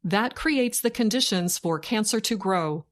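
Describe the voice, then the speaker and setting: Woman reading slowly and deliberately, dictation-style. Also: medium pitch, animated. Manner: slow, deliberate, short phrases with pauses, like dictation. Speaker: narrator. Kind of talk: slow scripted learning-English news reading.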